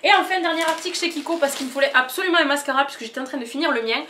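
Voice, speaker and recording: A woman's voice: high-pitched, rapid-fire, pushed and bright, slight background noise. A young woman chatting enthusiastically in a casual haul vlog, gushing as she shows what she bought. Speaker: beauty vlogger.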